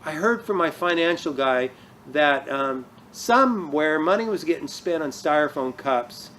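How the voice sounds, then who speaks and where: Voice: mid-range voice, lively intonation, unhurried, fairly bright tone, a little hiss or hum. A person playing an office manager who leads a tour in a mockumentary comedy, talking hesitantly with many fillers and restarts.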